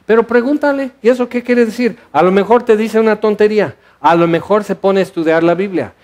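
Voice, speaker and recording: A man's voice: high-pitched, brisk, darkish tone. A man preaching a sermon in a church hall, asking rhetorical questions and explaining scripture with animation. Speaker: pastor.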